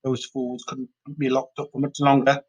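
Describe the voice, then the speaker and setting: A man's voice: mid-range voice, level tone, moderate pace, slightly rough, lo-fi sound, lightly acted. A man voicing a cruel, haughty old aristocratic mother with a sneering manner, in a storybook reading.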